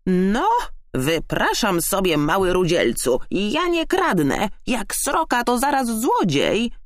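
A man's voice: high voice, big pitch swings, takes it slowly, dry recording, studio quality, pitched above the performer's own voice, exaggerated voice. A man voicing a sarcastic, touchy female magpie with a screechy, ironic delivery. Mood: indignant.

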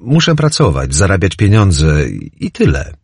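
A man's voice: deep voice, huge pitch swings, a little slow, a little mellow, slightly rough, dry recording, studio quality, voice pushed up, heavily acted. A man voicing a young seaside café waitress who talks in a casual, plain-spoken way. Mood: friendly.

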